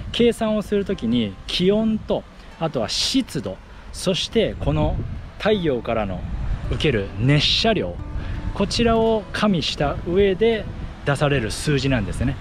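Jogging along a path beside fields, a running vlogger and athletic trainer talks to the camera in short, explanatory phrases. His voice is slightly high and sing-song at a moderate pace, picked up by an action camera held at arm's length over a noisy background.

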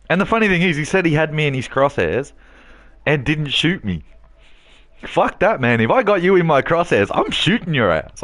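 Brash swearing male streamer, lively pitch. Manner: brash trash-talking, swearing, mocking. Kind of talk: live game stream chatter.

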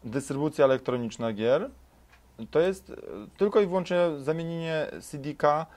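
A man's voice: on the high side, moderate pace, darkish tone. A man in his thirties interviewing a guest, probing with challenging questions and hesitating with many fillers, on a lapel mic in a studio. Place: studio set with dark backdrop and sofas.

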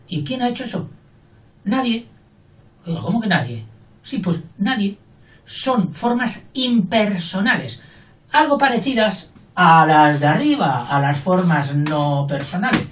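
A man's voice: sits high, expressive, unhurried, recorded from a distance. An older man gives a casual, playful grammar lesson. He talks in a chatty way and acts out little everyday scenes. He sits back from the microphone in a roomy, echoing space. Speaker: teacher. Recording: roomy, voice from off the mic.

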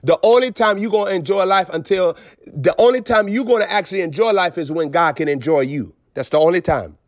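A man preaching with emphatic swings between low intensity and raised outbursts. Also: brisk, no echo, clean studio sound. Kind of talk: preaching on a phone broadcast.

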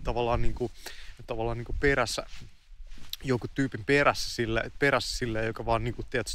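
A man telling a made-up story in a loose, rambling way, with frequent restarts and casual swearing. His voice sits at an ordinary middle pitch. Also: a bit bright.

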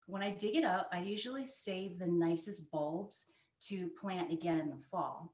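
Chatty woman demonstrating a recipe at home. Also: mid-range voice. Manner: chatty and friendly, frequent fillers. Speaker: cooking instructor. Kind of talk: live cooking demonstration. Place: home dining room, indoors. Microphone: fixed camera at a distance. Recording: echoey room.

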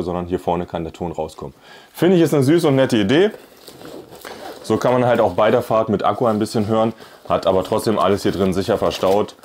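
With a fairly low pitch and a darkish tone, a male YouTube reviewer casually chats his way through presenting and demonstrating products. He's in a small indoor room with a plain wall, recorded by a clip-on lavalier mic on his shirt.

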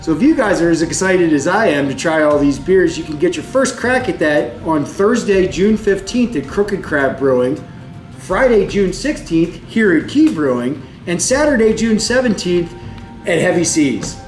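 A man's voice: high voice, sing-song, normal speed. A man, a brewer, boasting cheerfully and announcing tasting events. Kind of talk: casual promo chat. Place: brewery taproom. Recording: echoey room, distant mic, music behind.

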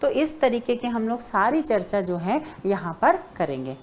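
A woman's voice: a little high, big pitch swings, moderate pace, a little hiss or hum. A woman teacher giving an exam-prep lesson, talking to her students fondly as she writes on a board. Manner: addresses students as "beta", writing on a board while talking. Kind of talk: online exam-prep lecture.

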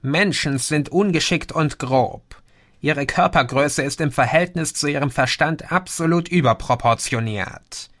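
A man voicing a haughty, bossy female red insect alien with a shrill, snappish way of speaking. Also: animated, measured pace, few pauses, bright, forceful tone, no echo, clean studio sound, heavily acted.

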